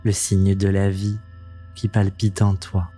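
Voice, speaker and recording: Low, slow, intimate male meditation guide. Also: completely flat delivery, slightly rough, faint music behind. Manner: soothing, unhurried, gentle delivery.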